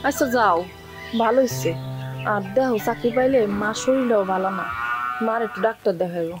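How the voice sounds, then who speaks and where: A woman's voice: fairly high pitch, brisk, close to an everyday voice. A young woman, playing an outspoken, reproachful elder sister-in-law in a TV drama. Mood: worried. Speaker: elder son's wife. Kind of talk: TV drama acting. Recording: music under the dialogue.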